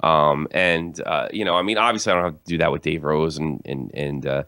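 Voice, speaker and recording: A man's voice: a bass voice, brisk, bright, forceful tone, dry recording. A man hosting a casual podcast chat, stammering and restarting his sentences often. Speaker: podcast host.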